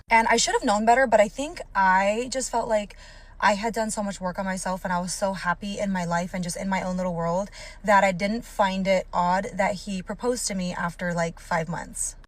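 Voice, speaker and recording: A woman from Hawaii lays out her story plainly and bluntly, in a casual vlog. Her voice is of middle pitch, and she drops swear words in as she talks. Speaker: storytime TikTok creator.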